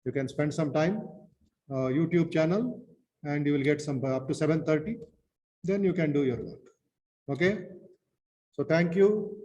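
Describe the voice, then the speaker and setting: A man with a South Indian accent teaching an informal spiritual class as a monk, speaking in short halting phrases and often repeating words for emphasis. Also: on the high side, dark tone, muffled recording.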